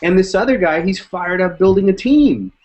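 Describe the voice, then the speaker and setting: A man's voice: sits high, animated, moderate pace, a little mellow. A man chatting as co-host in an emphatic, pep-talk way. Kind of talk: casual chat. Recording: dull lo-fi sound.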